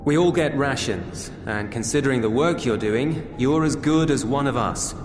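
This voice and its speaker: An actor voices a reserved, kindly soldierly man in a video game cutscene, speaking hesitantly, earnestly and conversationally in a friendly mood. His medium-pitched voice moves at normal speed and sounds close to everyday speech, with background noise, roomy echo and music underneath.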